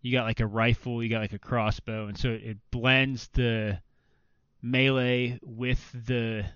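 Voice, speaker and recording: Rambling man with a smooth voice. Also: medium pitch, level tone, measured pace, fairly bright tone, dry recording, highs cut off. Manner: rambling, filler-heavy, restarts often. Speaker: podcast co-host. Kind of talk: casual chat about video games.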